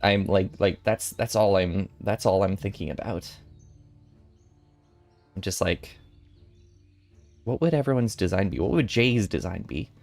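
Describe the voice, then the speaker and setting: Low-voiced rambling young man streaming. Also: unhurried, vocal fry, pauses often, a little mellow, dry recording, faint music behind. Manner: rambling, playful, giggly asides to chat. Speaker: VTuber streamer. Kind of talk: casual stream chat with viewers.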